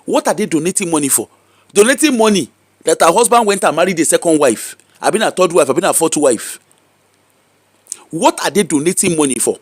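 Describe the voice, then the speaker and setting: A UK-based social media commentator with a Nigerian accent delivers casual, mocking commentary packed with rhetorical questions. His voice is a little high and fairly quick, with lively intonation and no echo.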